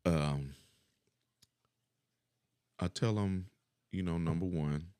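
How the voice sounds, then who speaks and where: A man's voice: deep voice, slow, mellow, smooth, no room sound, studio quality. A middle-aged man chatting casually as a podcast guest, laid-back and profane, laughing often.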